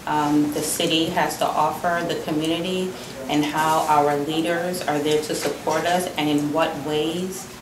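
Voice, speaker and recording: A woman working as a community outreach liaison, answering interview questions in a measured way with frequent fillers. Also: sits low. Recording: echoey room with noise.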